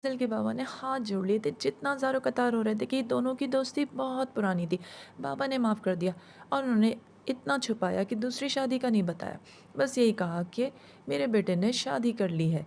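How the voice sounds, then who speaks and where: A woman's voice: on the high side, gravelly, a little mellow, a little hiss or hum. A woman casually retelling a story in the first person, emotional and conversational, often circling back and repeating herself.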